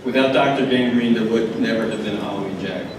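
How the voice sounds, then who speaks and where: Guy doing a heartfelt halting tribute speech, super echoey, lots of noise, far from the mic. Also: lowish voice. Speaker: horror host giving an induction speech. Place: large echoey event room, far from microphone. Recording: very echoey, distant, very noisy event recording.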